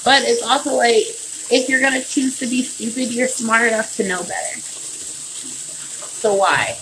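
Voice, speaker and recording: A woman's voice: fairly high pitch, a little slow, fairly bright tone. Tipsy woman rambling over running water. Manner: loose and profane, slightly tipsy. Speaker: podcast host. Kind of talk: rambling casual monologue. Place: at home near a bathtub. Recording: noisy home recording with running water.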